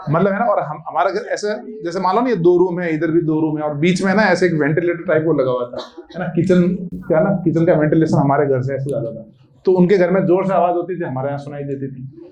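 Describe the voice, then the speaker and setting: A man's voice: on the high side, a little mellow, muffled recording. A man telling funny childhood stories in a casual, chatty way, laughing often and checking in with his listeners. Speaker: storyteller recalling childhood. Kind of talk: casual anecdotal storytelling.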